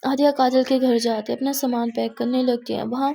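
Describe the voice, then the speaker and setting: A woman narrates a romance story in a casual, conversational way, talking straight to the listener. Her voice is high with a gravelly fry. The tone is dark and mellow. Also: fairly even intonation, fairly quick, a little hiss or hum.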